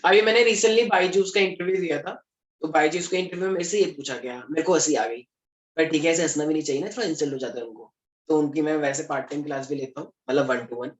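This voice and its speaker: A man's voice: a little high, quick pace. A young man from Delhi teaching a class in a chatty, joking way, mixing in English terms. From Delhi, India. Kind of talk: classroom lecture. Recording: echoey classroom.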